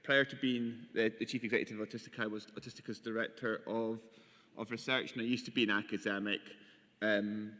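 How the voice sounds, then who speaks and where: A man's voice: fairly low pitch, flat delivery, sharp tone. A man with a broad Aberdeen Scottish accent giving a conference talk, speaking carefully to be understood. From Aberdeen, Scotland. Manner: careful delivery, deliberately clear for translators. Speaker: charity chief executive, guest speaker. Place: conference hall. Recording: echoey hall with long reverb.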